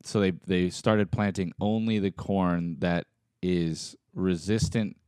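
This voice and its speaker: A man with a deep, clean voice, recorded dry and close. He co-hosts in a loose comedic chat style, reacting informally and cursing. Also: steady tone, takes it slowly, a little mellow, clear, resonant tone, dry recording. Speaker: podcast co-host reacting and commenting.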